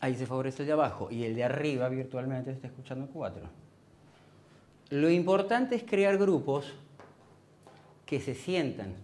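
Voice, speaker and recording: A man's voice: medium pitch, darkish tone. A man with a Rioplatense Spanish accent teaching music theory, explaining meter and counting beats aloud. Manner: counts beats aloud over piano playing. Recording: piano playing behind the voice.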